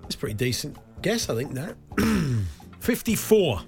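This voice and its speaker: A man's voice: on the high side, sing-song, unhurried, creaky, faint music behind. A man hosting and playing a chatty radio game show, with bantering talk. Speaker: radio show host and contestant.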